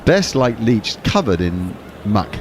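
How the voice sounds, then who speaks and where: Commentator, male, very low voice, steady explaining delivery, noisy audio behind. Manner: measured, explanatory, with small restarts. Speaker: cricket commentator on a watchalong. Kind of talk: ball-by-ball commentary.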